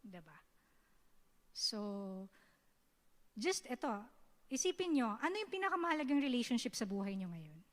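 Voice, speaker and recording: This Filipino woman preaches to a youth service in mixed Taglish, chatty in manner and constantly asking her listeners "diba?" Her fairly high voice has a sing-song quality at a moderate pace with long pauses, and the church hall gives it a big-room sound.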